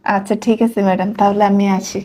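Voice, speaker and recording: A woman's voice: mid-range voice, little pitch movement, fast, warm tone, lightly acted. A woman playing a poor housemaid and mother, blunt and defiant with her employers but tender with her son. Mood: meek. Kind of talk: social media skit acting.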